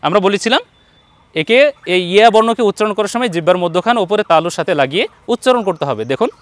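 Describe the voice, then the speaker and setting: A man's voice: sits high, lively intonation, fast, dry recording. A man with a Bangladeshi Bengali accent, teaching Quran letter pronunciation online and patiently repeating each sound for his students.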